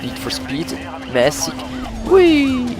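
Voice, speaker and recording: A let's play host with a high voice, huge pitch swings and an unhurried pace gives casual, colloquial commentary as he games, exclaiming and swearing mildly along the way. Loud game music and car engine noise play behind him.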